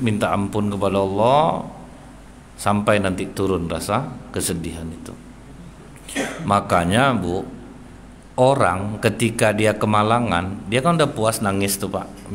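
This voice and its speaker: A male Islamic preacher giving a religious study lecture in a small prayer room, telling animated stories and constantly addressing his listeners as sir and ma'am. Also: fairly low pitch, a little hiss or hum.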